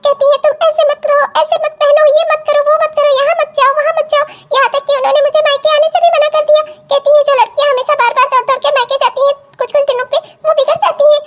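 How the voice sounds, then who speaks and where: A woman's voice: very high-pitched, little pitch movement, very fast, few pauses, pitched above the performer's own voice. A woman voicing a young married daughter in a cartoon who complains about her in-laws. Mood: complaining.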